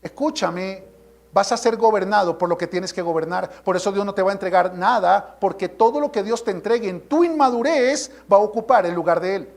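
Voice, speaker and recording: A man's voice: high voice, a little fast, creaky, a little mellow. A man preaching a sermon as pastor, emphatic and full of rhetorical questions, sometimes acting out the voices of his congregation.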